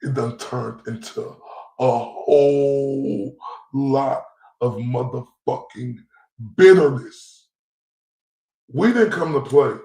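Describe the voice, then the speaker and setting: A man from Dallas, Texas rants bluntly and profanely while hosting a YouTube livestream commentary. His voice is mid-range and mellow, slow-paced, and he pauses often. The sound is roomy and echoey.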